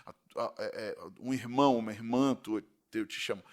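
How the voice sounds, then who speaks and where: A Brazilian man, a pastor, giving a podcast sermon in a conversational style with frequent tag questions, slowing down to stress key words. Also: medium pitch, fairly even intonation. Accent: Brazilian Portuguese.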